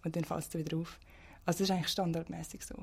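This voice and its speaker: A woman with a Swiss German accent talks quickly in a lowish voice, chatting frankly as a guest. She often restarts her sentences mid-thought. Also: level tone, vocal fry, a little mellow, breathy edge. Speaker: interview guest. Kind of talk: casual personal conversation.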